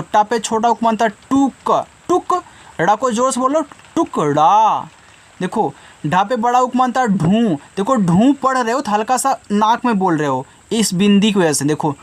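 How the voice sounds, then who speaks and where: A man teaching children to read, breaking each word into its syllables before saying it whole. He speaks very slowly and deliberately, with frequent gentle prompts to the children. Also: sits high, lively intonation. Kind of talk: slow Hindi reading lesson for children.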